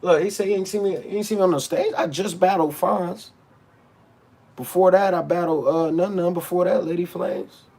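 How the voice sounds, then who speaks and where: On a casual livestream, a battle rapper rants bluntly and animatedly, answering his chat and restarting his words as he goes. His voice sits high, with a dark tone and normal speed.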